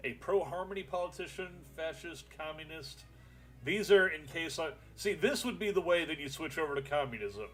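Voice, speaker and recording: A man's voice: fairly high pitch, fairly bright tone. A young man streaming a strategy game, thinking aloud in casual, rambling commentary with the odd swear.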